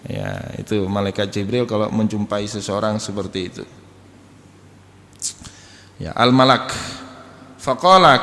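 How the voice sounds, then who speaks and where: Man, mosque lecturer, lively teaching with jokes, long echo of a mosque hall. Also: medium pitch. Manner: lively teaching, jokes and chuckles, spells out letters. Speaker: Islamic lecturer.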